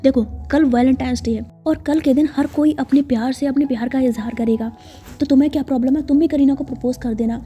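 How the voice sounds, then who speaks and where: A woman's voice: sits high, steady tone, fast, dark tone, lightly acted. Woman voicing a bossy teasing best friend. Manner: teasing, insistent, scolding. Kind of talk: storytelling voice acting. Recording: dull lo-fi recording with faint music.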